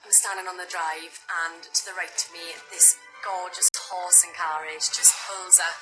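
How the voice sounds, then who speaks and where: A contestant of twenty-one, talking in a gushing, descriptive reality-show confessional. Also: female voice, fairly low pitch, flat delivery, normal speed, loud music behind the voice, low-quality recording. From South Wales.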